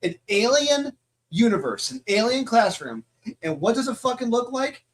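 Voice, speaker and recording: High, lively man ranting about comics. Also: normal speed. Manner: heated, swearing, ranting with fillers. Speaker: comic review co-host. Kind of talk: casual podcast chat.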